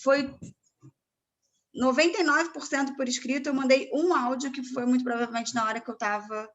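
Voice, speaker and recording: A woman from Brazil hosting a casual chat, talking warmly and loosely with lots of "né" fillers. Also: high voice, fairly even intonation, a little fast, dull audio. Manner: chatty, many fillers like "né". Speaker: host.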